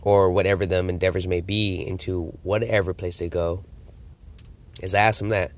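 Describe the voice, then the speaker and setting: This man's low-pitched voice comes across flat at a normal speed, and a cold leaves it slightly nasal and congested. Talking casually to camera, he teaches sales by playing both the customer and the salesperson.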